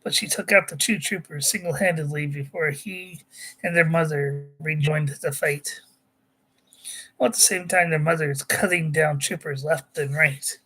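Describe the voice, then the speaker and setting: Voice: medium pitch, fairly even intonation, moderate pace, pushed and bright, rough recording. An amateur author casually reading their own sci-fi story aloud, often stopping to correct themselves and add chatty asides.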